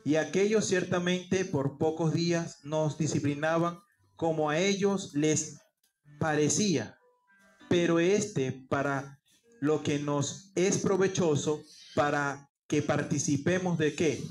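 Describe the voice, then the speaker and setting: A man's voice: a little high, takes it slowly, a little mellow, soft background music. A male pastor preaching a sermon, asking rhetorical questions and answering them himself. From Peru. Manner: rhetorical questions answered aloud, acts out quoted voices.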